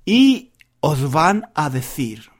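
A Spanish teacher and podcast host from Granada, Andalusia, talks to language learners in an informal monologue. His slightly high, sing-song voice rises and falls with great animation, and he speaks slowly, repeating phrases and theatrically tossing out rhetorical questions.

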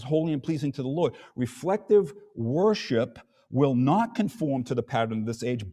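A male pastor preaching a sermon, animated and conversational, with asides to his congregation. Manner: animated preaching, rising and dropping in pitch and loudness. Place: church sanctuary. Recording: long hall reverb.

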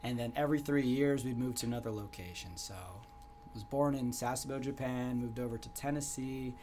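A young American man answering interview questions in an earnest, reflective way, often pausing with "you know". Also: medium pitch, a little mellow, a little hiss or hum. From United States. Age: young adult. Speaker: guest entrepreneur.

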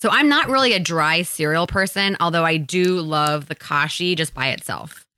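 A woman's voice: fairly low pitch, moderate pace, bright, forceful tone, no room sound. A woman co-hosting a casual podcast chat, giving frank, enthusiastic opinions on products. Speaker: podcast co-host.

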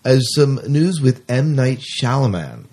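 This middle-aged podcast host speaks at a measured pace in a medium-pitched, sing-song voice that is darkish and slightly rough. He covers entertainment news in a relaxed, enthusiastic, fan-like way.

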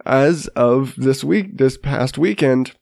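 With a medium-pitched, darkish voice and vocal fry, this podcast host speaks slowly but animatedly. He is in his thirties and stuffed up with a sinus infection, rambling through a self-deprecating solo monologue with many restarts, recorded dry at studio quality.

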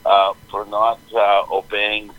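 A man's voice: on the low side, monotone, slow, phone-quality sound. A middle-aged man calling in on a speakerphone, chatting playfully and quoting scripture with mock solemnity. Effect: heard over a speakerphone. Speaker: father phoning in to a podcast. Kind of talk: casual phone chat.

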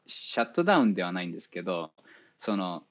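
A man, an engineer guest in a casual interview, explaining things step by step with many fillers and pauses. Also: low voice, sing-song, fairly bright tone. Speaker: spacecraft navigation engineer. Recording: dull lo-fi audio.

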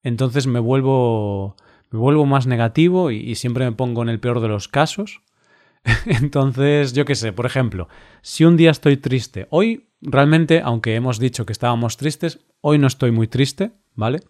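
Slow-spoken man co-hosting. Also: medium pitch, a little mellow. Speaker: podcast co-host. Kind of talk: casual podcast chat.

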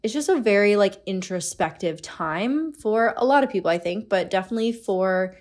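A woman's voice: medium pitch, lively intonation, normal speed. A woman in her late twenties, sounding congested from a cold, hosts a solo podcast in a casual, chatty, informal way. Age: late 20s. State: sick, congested stuffy-nosed sound. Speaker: podcast host.

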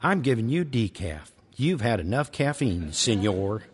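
A man voicing a sassy, no-nonsense woman waitress at a small-town diner, teasing and brisk in a raised voice. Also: medium pitch, sing-song, breathy edge. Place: church, live audience. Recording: reverberant live church hall.

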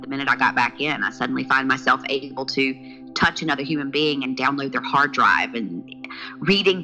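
A woman in her fifties from the southern United States, a podcast guest telling her life story in a lively, earnest way. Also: extremely low pitch, poor audio. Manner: lively, earnest, with laughs and restarts. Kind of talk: personal storytelling in interview.

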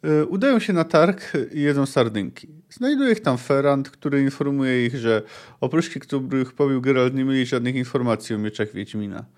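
A man's voice: medium pitch, normal speed, a little mellow. A man hosting a book podcast who summarizes and discusses a novel chapter, talking hesitantly with frequent filler sounds. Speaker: podcast host.

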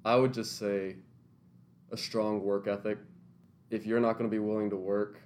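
Young guy from tennessee, real low voice, earnest interview answers, bit of hiss behind. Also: flat delivery, moderate pace, a little mellow. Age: 20s. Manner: earnest, thoughtful, some restarts. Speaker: interview guest, teaching intern.

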